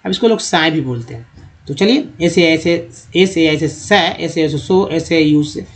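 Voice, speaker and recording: A man's voice: a little high, measured pace. A man teaching spelling in English letters, drilling syllables one by one and checking in with viewers. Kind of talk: spoken alphabet lesson.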